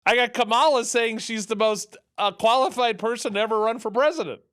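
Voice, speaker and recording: A man's voice: very high voice, fairly quick, fairly bright tone, clean tone, no echo, clean studio sound. A man hosting a political talk show, rambling and sarcastic, with many restarts. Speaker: radio talk show host.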